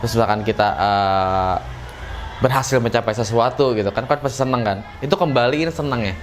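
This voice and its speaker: A man gives a relaxed, chatty acting lesson and acts out short emotional examples as he goes. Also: mid-range voice, a little fast, slight background noise. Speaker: acting teacher. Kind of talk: casual classroom-style lesson.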